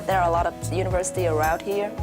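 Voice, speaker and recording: Woman student talking plainly in a promo video, lowish voice, music behind. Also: fairly even intonation, rapid-fire. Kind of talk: video testimonial.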